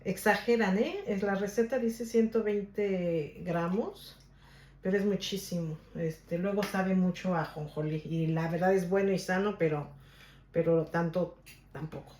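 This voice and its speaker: A woman's voice: fairly low pitch, fairly even intonation, unhurried, darkish tone, reverberant. A woman from Guadalajara with a Mexican Spanish accent, demonstrating a recipe at home and chatting casually with her viewers. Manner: chatty, stubborn, keeps asking "¿ok?". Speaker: cooking video host. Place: home kitchen.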